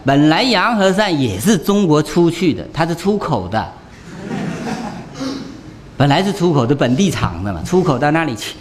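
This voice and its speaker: Monk lecturer, man, lively chatty delivery with rhetorical questions, voice sits a bit high and swings a lot. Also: normal speed, long pauses, a crowd in the background. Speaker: Buddhist monk teaching. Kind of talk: conversational dharma lecture.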